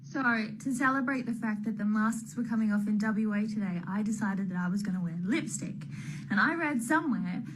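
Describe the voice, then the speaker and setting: A woman's voice: mid-range voice, a little fast, background noise. A woman speaking in a chatty, storytelling way in a social media clip played on air.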